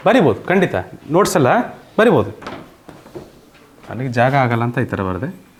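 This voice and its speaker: A man with a Karnataka accent teaching a slow, patient online grammar lesson, often asking students whether they understand. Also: mid-range voice, very animated, a little hiss or hum. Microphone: computer mic on an online class call.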